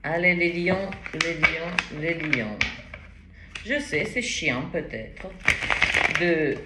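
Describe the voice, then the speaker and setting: A tarot card reader, a woman in her forties, speaks French with a foreign accent in a low, expressive voice, reading cards casually to the camera with halting delivery and many restarts. She sits at a table in a bright indoor room, filmed by a camera in front at table height. The sound has a roomy echo and faint hiss.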